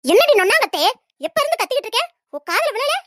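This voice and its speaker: Cartoon: woman voicing a sly, nagging old mother-in-law, very high and fast. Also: animated, no room sound, clean studio sound. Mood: scolding. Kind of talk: cartoon comedy voice acting.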